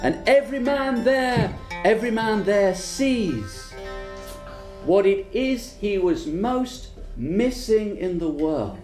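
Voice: mid-range voice, sing-song, faint music behind. Lilting storyteller in an echoey room. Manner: lilting, drawn-out, trailing softly on key words. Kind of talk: oral folk-tale storytelling.

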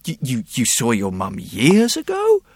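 A man's voice: medium pitch, huge pitch swings, unhurried, darkish tone, breathy edge, no echo, clean studio sound, full character voice. A man playing a patient neighbourhood policeman who questions a lost boy with mounting disbelief. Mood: incredulous.

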